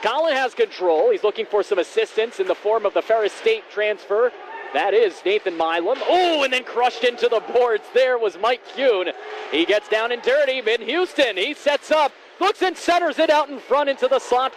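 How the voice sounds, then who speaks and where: A man with a high-pitched voice gives live hockey play-by-play. He breaks into excited, raised calls when chances come. Faint rink noise sits behind him. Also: normal speed.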